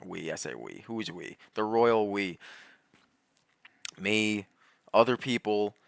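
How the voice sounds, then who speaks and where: A man giving heated, rambling commentary, laughing often and swinging between loud outbursts and low muttering. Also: slow pace, vocal fry, no echo, studio quality. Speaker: commentary host. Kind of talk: animated conspiracy commentary.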